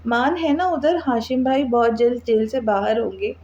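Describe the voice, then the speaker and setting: A frightened young woman in a storybook reading, stammering through trembling words, as a woman narrator plays her. The voice is mellow and a bit high, on a muffled recording with faint hiss. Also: moderate pace, natural voice. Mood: kind.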